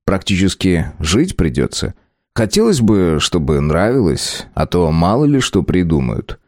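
A calm, easygoing conman reasons things out in a low, slow voice. A man voices him close and dry, as in an audiobook. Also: dry recording.

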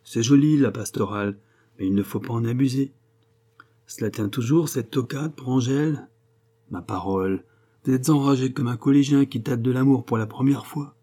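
A jaded man of letters mocks and lectures his younger friend in a raised, husky, dark voice, as a male reader puts him on. His tone is sarcastic and worldly. The voice is pitched well above the reader's own. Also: normal speed, natural voice. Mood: mocking. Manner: mocking, lecturing, animated. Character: sarcastic worldly middle-aged male writer.

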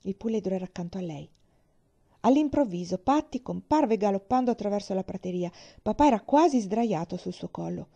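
A woman reading a novel aloud in a calm, expressive storytelling manner, on a slightly dull recording. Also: mid-range voice, brisk, vocal fry. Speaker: reader.

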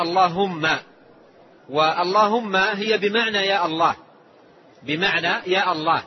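A male religious scholar giving an explanatory lesson, speaking in a measured way and often restating his phrases. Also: high-pitched. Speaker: religious scholar teaching a book. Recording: dull lo-fi lecture recording, faint hiss.

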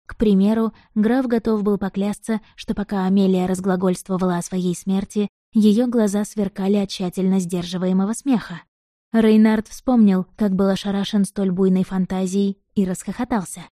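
A woman reading a novel aloud in even, measured scripted narration. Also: medium pitch, no echo, studio quality. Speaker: audiobook narrator.

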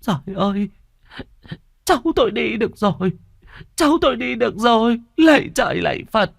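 A man voicing an old grandmother who cries out in a high, trembling, stammering voice. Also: expressive, moderate pace, vocal fry, no room sound, clean studio sound, exaggerated voice. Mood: overjoyed tearful. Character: old grandmother, tearful and overjoyed.

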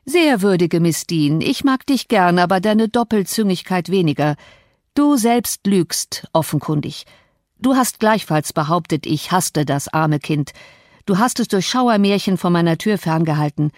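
A woman's voice: fairly low pitch, expressive, measured pace, no echo. Scheming, mocking older man read by a woman for an audiobook, dry close sound. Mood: sly. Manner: cold, mocking, persuasive. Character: menacing, scheming older man, smooth and cruel.

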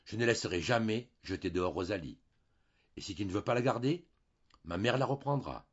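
A man's voice: low voice, big pitch swings, moderate pace, husky, exaggerated voice. A man voicing a young wife, earnest and stubborn, pleading and insistent, on a dull lo-fi recording.

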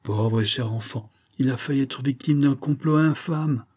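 A man reading the part of a scheming, smooth-talking middle-aged army major, pompous and theatrical, mock-affectionate toward his wife. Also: medium pitch, normal speed, darkish tone, pitched above the performer's own voice, lightly acted. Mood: mock-tender.

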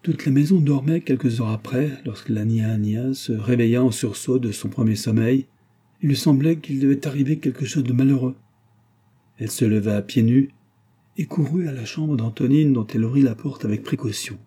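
A man reading a novel aloud as an audiobook narrator, measured and even. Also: medium pitch, breathy edge.

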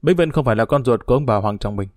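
A man voicing a troubled young man in a storybook reading, answering in quick, tense lines. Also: medium pitch, lively intonation, dry recording, studio quality, natural voice.

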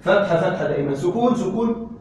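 A man teaching Arabic grammar to a class. He keeps asking whether his students follow and repeats key terms slowly. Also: sits high, expressive, darkish tone, a little hiss or hum. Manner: checks understanding with frequent questions to the class. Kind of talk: classroom lesson. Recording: echoey room, voice from a distance.

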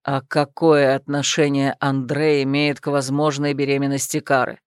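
A woman voicing a cold, authoritative man, a judge, speaking low, quiet and measured in an audiobook. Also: flat delivery, clear, resonant tone, dry recording, studio quality. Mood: puzzled.

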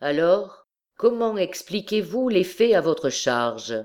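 A woman's voice: low-pitched, slow, darkish tone. A woman reading aloud voices a stern presiding judge who questions the accused coldly and solemnly. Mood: demanding. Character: stern, cold old male judge presiding.

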